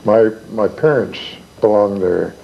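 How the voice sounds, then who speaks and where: A man's voice: fairly low pitch, a little slow, creaky, noisy background. Blunt older man, dull recording. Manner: blunt, earthy remarks. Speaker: guest. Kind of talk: casual reminiscing.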